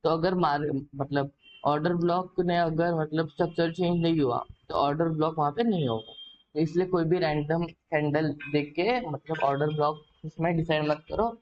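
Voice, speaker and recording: A man's voice: fairly high pitch, steady tone, normal speed, lo-fi sound, slight background noise. A man explaining a trading concept from his notes in a casual lesson, hesitant and full of filler words as he talks to the viewer. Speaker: trading learner sharing notes.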